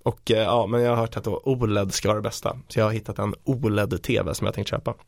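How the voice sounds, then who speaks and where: Lively joking Swedish-speaking man, dry sound. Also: vocal fry, dry recording. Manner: animated storyteller, mimics voices with big pitch jumps; fillers and restarts, joking. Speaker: podcast co-host. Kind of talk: casual chat.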